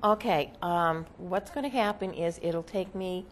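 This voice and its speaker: A woman speaking as a seance medium, casually explaining her trance channeling in an interview, halting and often checking with "okay?". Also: fairly low pitch, a little hiss or hum.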